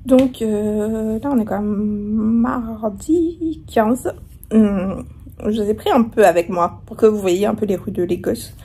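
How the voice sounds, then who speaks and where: Slowly, in a dark, slightly rough mid-range voice, a young woman chats to camera for her travel vlog from a hotel room. She has a sore throat and a cold starting, and her casual talk rambles along with lots of fillers and restarts.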